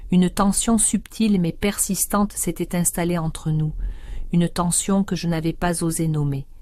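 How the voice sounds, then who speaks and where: A woman reading a first-person story as scripted narration, in an even, measured storytelling manner. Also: fairly low pitch.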